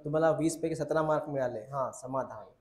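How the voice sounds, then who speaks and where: A man's voice: medium pitch, brisk, darkish tone, reverberant. A male biology teacher lectures a class, drilling students with repeated questions and calling them "beta".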